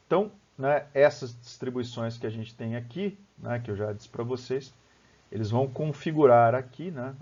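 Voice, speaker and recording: A Brazilian man explains poetry as a teacher, his voice husky and breathy at a middle pitch. He keeps checking in with his listeners as he walks them through each step. The home recording sounds dull and lo-fi. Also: mellow. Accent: Brazilian Portuguese. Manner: explanatory, lots of "né?" and "ó". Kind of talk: online lesson on poetry.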